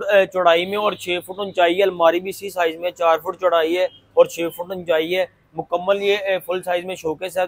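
A man, giving an unscripted, insistent and repetitive showroom sales pitch as host. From Pakistan. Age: 20s. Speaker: furniture showroom owner and video host. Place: large indoor furniture showroom. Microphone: clip-on lapel mic.

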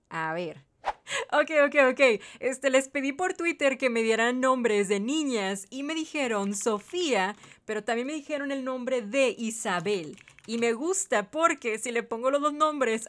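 A woman's voice: on the high side, fairly bright tone. A woman with a Mexican accent giving playful, chatty let's-play commentary straight to her viewers. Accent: Mexican Spanish. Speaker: gaming YouTuber.

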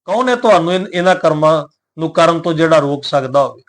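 A man with a fairly high voice teaches how to recite scripture. He chants each verse slowly and deliberately, then explains it in a calm, plain, respectful way. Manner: addresses listeners respectfully and humbly.

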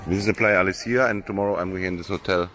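A man's voice: deep voice, fairly even intonation, fast talker, fairly bright tone, a faint crowd, a little hiss or hum. A German man filming a casual travel vlog at a beach bar, stumbling through broken Spanish, English and French. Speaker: vlogger.

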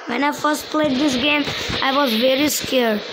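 A woman's voice: high voice, steady tone, a little slow, very noisy. A woman hosting casual horror game commentary, explaining things simply and repeating phrases. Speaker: gaming video host.

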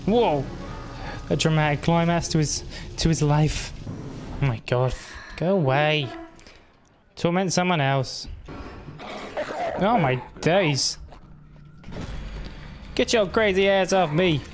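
A man's voice: on the high side, unhurried, pauses often, faint music behind. A young man giving cheeky, jokey commentary as a scared horror game streamer, wisecracking through his nerves.

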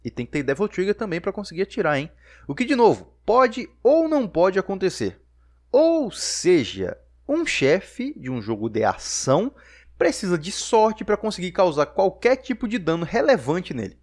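A man's voice: high voice, big pitch swings, moderate pace. A Brazilian man giving sarcastic, exasperated scripted commentary on a video game. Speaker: video game critic and narrator.

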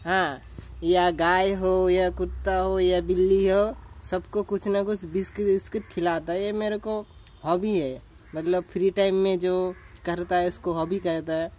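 Casual male vlogger, slow and plain, phone mic outdoors. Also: sits high, little pitch movement, a little mellow. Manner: slow, simple talk, coaxing a cat. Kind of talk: casual vlog. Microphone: phone held while filming.

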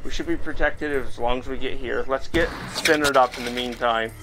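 Playing indoors in a VR headset before a camera, a man keeps up loose, chatty commentary and thinks out loud as host of a gaming video. His voice is medium-pitched at a normal pace, with game music and other background noise behind him.

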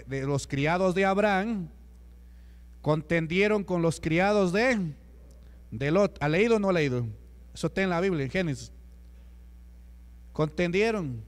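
A man's voice: on the high side, in a large hall. A man with a Peruvian Spanish accent preaching a sermon as a deacon, talking to the congregation with rhetorical questions and acted-out quotes. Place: church hall.

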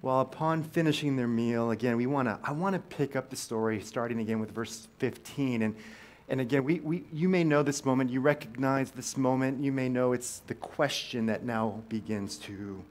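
A man pastor preaching a casual, conversational sermon in a church, telling the story with many fillers and restarts and lively emphasis at times. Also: mid-range voice, normal speed, a little hiss or hum. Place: church sanctuary.

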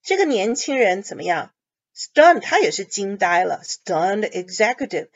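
Woman English teacher, patient explainer, mid-pitched voice, muffled lo-fi sound. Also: sing-song, a little slow. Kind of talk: explaining a reading lesson. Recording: dull lo-fi audio.

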